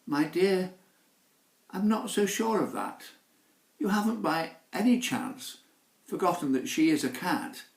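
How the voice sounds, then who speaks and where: Give me a man voicing a teasing lady friend, higher voice, slow, roomy echo. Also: very animated, gravelly, distant mic, heavily acted. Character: knowing older woman friend, teasing.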